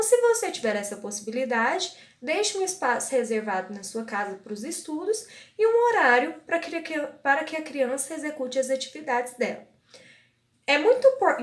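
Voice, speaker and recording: A woman's voice: on the high side, echoey room. A woman teacher, patiently advising parents and sounding out syllables step by step. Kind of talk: guidance video for parents.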